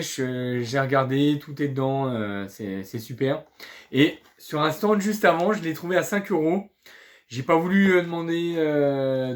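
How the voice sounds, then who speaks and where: A man talking casually in a vlog about things he found, chatty and upbeat, often restarting words and padding with fillers. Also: a little high. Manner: chatty, hesitant, keeps restarting words and saying voilà; upbeat and pleased. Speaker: video game collector showing flea market finds.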